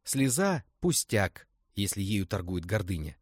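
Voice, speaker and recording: Guy voicing a calm thoughtful young dude, measured, husky low voice. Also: no echo, studio quality, exaggerated voice. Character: young man, calm and philosophical.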